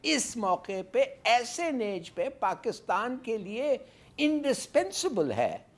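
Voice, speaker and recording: A man's voice: very high-pitched, big pitch swings, slow. A man giving opinionated political analysis, slipping English phrases into his speech.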